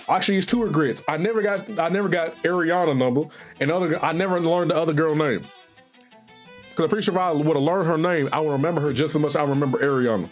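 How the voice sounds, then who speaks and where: A young man with a Southern accent tells a long work story on his stream, loose, profane and full of slang. He jumps into the other people's lines as he goes, with faint music playing behind him. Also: a little high. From Virginia, US. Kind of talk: casual storytelling.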